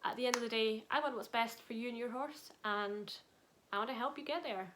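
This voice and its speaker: A young woman with a Glasgow Scottish accent, introducing her channel as an equine behaviourist in an upbeat, clear and informative way with light self-mocking asides. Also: on the high side, fairly even intonation, brisk, a bit bright. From Scotland.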